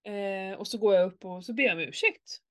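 A middle-aged woman in candid casual chat, telling an emotional personal story with lots of swearing and animated outbursts. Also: mid-range voice.

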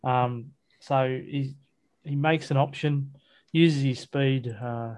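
A man's voice: medium pitch, fairly even intonation, slow, darkish tone. An Australian man hosting a casual football podcast, talking in a matey, colloquial, blokey way. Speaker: sports podcast host. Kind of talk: casual football chat, match review.

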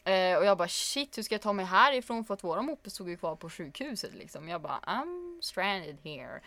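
A woman's voice: mid-range voice, no echo. A woman in her twenties with a Norrland Swedish accent, chatting casually as a podcast co-host and acting out the people in her stories. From northern Sweden. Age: 20s. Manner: lively storyteller who acts out quotes.

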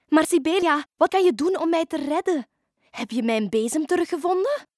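A woman voicing a captured witch, anxious and excitable, with shrill, fretful questions. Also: normal speed, no echo, studio quality, natural voice.

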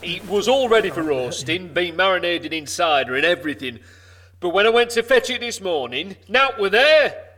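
An actor playing a flustered, deferential cook at a medieval castle, with hesitant, rustic working-class peasant speech. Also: male voice, high voice, sing-song, moderate pace, bright, forceful tone, full character voice. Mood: sheepish, worried.

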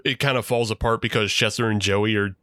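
A man's voice: lowish voice, a little fast, no room sound, clean studio sound. A man co-hosting a podcast, talking casually about his old student film with plenty of fillers and laughs. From Pennsylvania. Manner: relaxed, rambling with frequent fillers and laughs. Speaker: podcast co-host, former student filmmaker.

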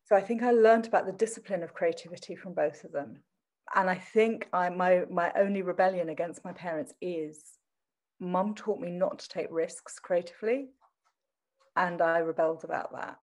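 A middle-aged woman speaks in a slightly low register, her English accent mostly standard with traces of Essex. She is articulate and reflective, talking conversationally as an interviewee with a modest, self-deprecating manner. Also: moderate pace, a little mellow. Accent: English, adopted standard with traces of Essex. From Southend in Essex, England. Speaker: teacher and interview guest.

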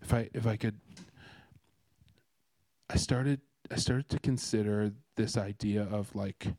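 A man's voice: on the low side, fairly even intonation, measured pace, darkish tone, no room sound. A man from Canada giving a casual devotional talk, earnest and rambling, with many restarts and fillers. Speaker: speaker sharing a devotional.

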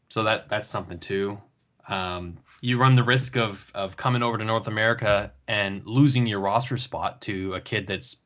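Guy with a lowish voice hosting a laid-back podcast chat, lots of ums and you-knows. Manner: relaxed, talks in long runs with fillers. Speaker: podcast host. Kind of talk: casual hockey chat.

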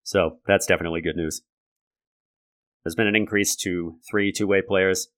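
Deep voiced guy doing a solo sports podcast, gravelly and raspy like he's getting over being sick, analytical but conversational. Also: fairly even intonation, moderate pace, a bit bright. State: raspy from a lingering respiratory infection. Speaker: podcast host. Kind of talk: sports commentary monologue.

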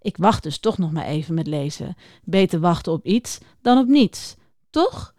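A woman's voice: on the low side, animated, moderate pace, a little mellow, no room sound, studio quality. A woman presenting a children's book series in a scripted talk, speaking directly to young listeners in a friendly way. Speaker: reader introducing a children's book.

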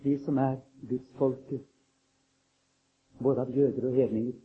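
A man's voice: medium pitch, steady tone, breathy edge. A man preaching a sermon, reading scripture solemnly and building to emphatic, raised declarations. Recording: tinny lo-fi phone-like recording.

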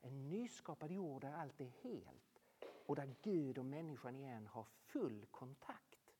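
A preacher giving a sermon, animated, with rhetorical questions and swings between loud and hushed. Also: medium pitch, big-room sound, slight background noise. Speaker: speaker addressing a Norwegian audience.

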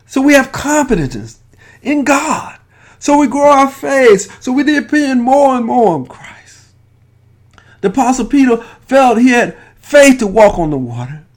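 A man preaching a sermon, impassioned and repetitive, building to shouted pleas with frequent restarts. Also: extremely high pitch, sing-song, a little slow.

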